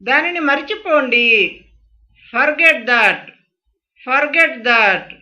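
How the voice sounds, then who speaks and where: Teacher voice, high-pitched, very slow, each phrase repeated twice, sharp bright tone. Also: animated, lo-fi sound. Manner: says each English phrase twice, slowly and clearly. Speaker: spoken English teacher.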